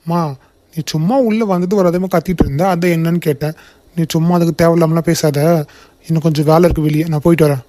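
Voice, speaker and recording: A man as a calm, mellow young son. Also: on the high side, fast, no room sound, lightly acted. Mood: firm. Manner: calm, reasoning. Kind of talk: cartoon voice acting.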